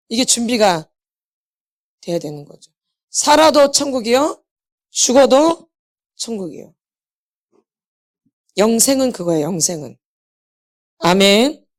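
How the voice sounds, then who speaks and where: A woman preaching a healing sermon to a congregation, repeating key phrases and asking questions she answers herself. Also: fairly high pitch. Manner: asks the congregation rhetorical questions and answers them. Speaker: healing ministry lecturer.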